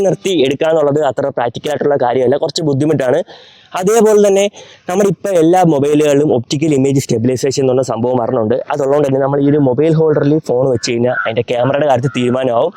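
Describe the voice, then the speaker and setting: A young man with a Malayali accent chats rapidly and casually through a gear review, slipping English words into his speech. His voice is on the high side and dark in tone, recorded with no echo.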